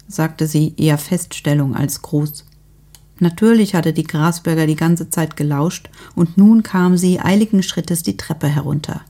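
Mellow-voiced woman reading calmly. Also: lowish voice, gravelly. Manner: calm, measured reading. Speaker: book presenter and reader. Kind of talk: scripted book review and read-aloud excerpt.

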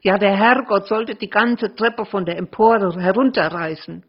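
A woman reads aloud from her novel with dramatic flair, shifting between hushed and louder passages. Her voice is husky and sits fairly low. The recording sounds muffled. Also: unhurried. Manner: dramatic, lively narration with shifts in loudness. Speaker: author reading from her novel. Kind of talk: expressive literary reading.

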